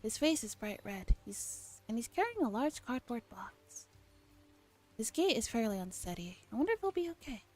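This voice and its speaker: A young woman streamer reads a visual novel aloud ASMR-style in a soft, breathy voice, chatting playfully in casual slang. Her voice is on the high side with big pitch swings at a normal speed, and game music plays in the background.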